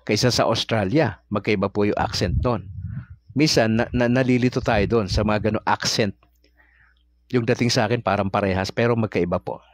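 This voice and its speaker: A Filipino man with a fairly low voice teaches in a relaxed, chatty way and keeps asking his listeners questions. The recording is dry and close, with little room sound. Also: normal speed, no room sound. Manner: conversational, asks the audience questions often. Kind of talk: casual talk-style teaching.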